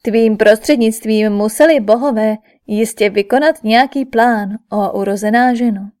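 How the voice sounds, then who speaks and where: A woman's voice: a little high, a little mellow, close to an everyday voice. A woman voicing an anguished prince who implores his mother, read for an audiobook in an imploring tone. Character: anguished eldest prince, a grieving son. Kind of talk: audiobook character reading.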